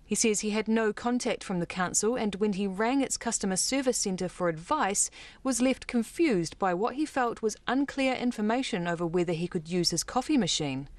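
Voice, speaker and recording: A woman with a New Zealand accent narrating a radio news report in a clear, even tone. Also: mid-range voice, moderate pace, no room sound.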